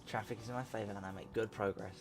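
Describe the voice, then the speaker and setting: A man hosting a let's play, reading a visual novel aloud in an animated way. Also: fairly low pitch, very fast, faint music behind. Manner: animated reading, laughs and shouts at tense moments.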